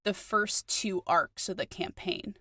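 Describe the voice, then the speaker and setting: A woman's voice: medium pitch, steady tone, takes it slowly, pushed and bright, husky, no room sound. Chatty New Zealand woman, dry sound. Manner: chatty, enthusiastic, many fillers. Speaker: podcast co-host. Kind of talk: casual chat.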